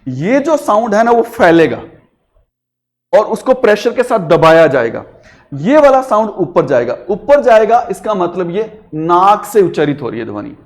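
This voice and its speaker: A man's voice: sits high, very animated, moderate pace. Hindi teacher quizzing his class. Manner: explains step by step with frequent quiz questions. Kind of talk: classroom lecture.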